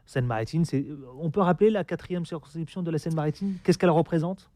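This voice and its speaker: A man's voice: on the high side, fast talker, warm tone, dry recording, clean studio sound. A man hosting a radio interview, teasing and theatrical with his guest. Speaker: radio host.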